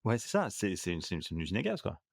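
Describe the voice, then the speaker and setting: A man hosting an interview, asking questions in a casual, brisk way. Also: low voice, huge pitch swings, vocal fry, no room sound, studio quality. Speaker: interview host.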